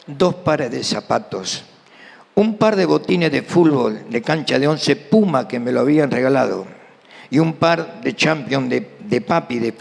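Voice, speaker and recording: A man's voice: mid-range voice, gravelly, slightly rough. A middle-aged man with an Argentine Rioplatense accent preaching a sermon, telling a personal testimony and acting out the dialogue. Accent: Argentine Rioplatense Spanish. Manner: animated storyteller, acting out dialogue. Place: church hall. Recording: reverberant church hall.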